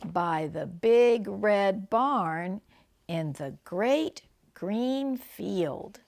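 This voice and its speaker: Older woman reading aloud, slow and lively. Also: mid-range voice, vocal fry. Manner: slow, deliberate phrasing that points out pictures to a child. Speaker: grandmother reading a picture book to children. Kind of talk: read-aloud storytelling with chatty asides and animal sounds.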